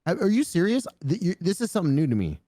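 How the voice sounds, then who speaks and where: A man's voice: high-pitched, big pitch swings, fast, mellow, dry recording, clean studio sound. A young man co-hosting a casual podcast, joking, swearing and wandering off on tangents. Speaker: podcast co-host. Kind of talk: casual chat.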